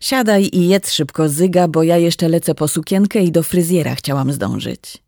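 Narrator playing a firm, earnest wife in a storybook, gravelly voice, dry close sound. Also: medium pitch, moderate pace, dry recording, natural voice. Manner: calm, then firm and warning. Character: woman doctor nearing forty, steady wife.

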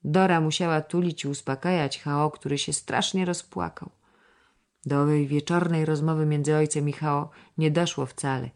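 A woman reading a children's novel aloud in a measured storytelling manner. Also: deep voice, fairly even intonation. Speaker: audiobook narrator. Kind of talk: scripted narration of a children's novel.

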